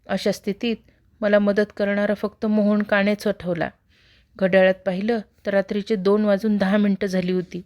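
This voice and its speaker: A woman with a mid-range voice reads a horror story aloud, narrating in a steady, measured way.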